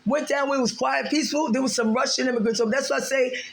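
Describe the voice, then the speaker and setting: A woman's voice: high voice, steady tone, quick pace, vocal fry. An American woman venting in a ranting vlog monologue, heated and profane, with many fillers. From United States. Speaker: vlogger.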